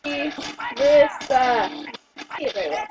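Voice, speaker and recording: Young female, high and swooping voice, silly excitable banter with a friend, music behind. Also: takes it slowly. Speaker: amateur video co-host. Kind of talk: casual chat with a friend. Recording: music playing behind the talk. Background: music with guitar.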